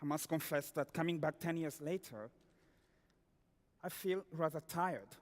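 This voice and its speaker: High-voiced man declaiming on stage. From Democratic Republic of Congo. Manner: slow, declamatory, repeats phrases for effect. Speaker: storyteller and dancer. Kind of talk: spoken-word stage performance. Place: large hall during an awards ceremony. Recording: long reverb of a large hall.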